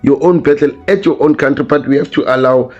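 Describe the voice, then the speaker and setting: A man's voice: medium pitch, quick pace, darkish tone. A man in an opinion monologue, asking questions repeatedly and restarting his phrases. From South Africa. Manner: questioning, repetitive, hesitant restarts. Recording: dull lo-fi audio with faint music.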